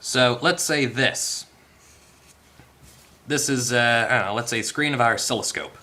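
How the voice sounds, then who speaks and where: Hosting an electronics repair tutorial, this man speaks in a mid-range voice that is bright and forceful, and he takes his time. His explanations are casual and improvised, and he thinks out loud and corrects himself along the way in this hands-on session.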